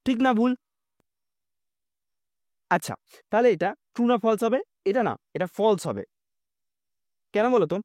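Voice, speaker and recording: Animated man explaining an English lesson. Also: high voice, a little slow, pauses often, dry recording, studio quality. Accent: Bengali. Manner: explaining patiently, keeps asking "understood?". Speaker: teacher. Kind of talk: exam-prep English lesson.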